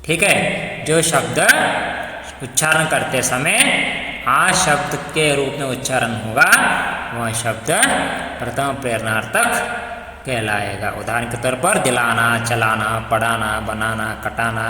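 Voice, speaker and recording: Male school teacher, slow and repetitive drilling delivery, bright voice, distant mic in an echoey room. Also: medium pitch, steady tone. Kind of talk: grammar lesson for children.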